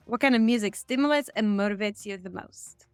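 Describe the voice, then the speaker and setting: A woman hosting a podcast, reading set interview questions in a steady, bright tone. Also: medium pitch, fairly quick, clean tone, dry recording, faint music behind. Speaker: podcast host. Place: Stockholm.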